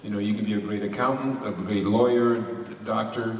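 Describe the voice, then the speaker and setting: A man's voice: fairly low pitch, steady tone, a little fast, far from the mic, a little hiss or hum. A man speaking as a voice actor on a convention panel, rambling with lots of restarts and laughs. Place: large convention hall. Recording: echoey hall recorded from afar.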